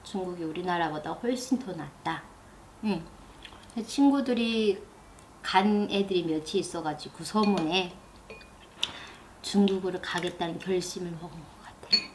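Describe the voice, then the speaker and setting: Soft-spoken young woman from North Korea. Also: fairly low pitch, normal speed, long pauses, background noise. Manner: soft-spoken, answers with short agreeing words. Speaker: North Korean defector guest. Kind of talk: casual chat over a meal. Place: living room, seated at a low table.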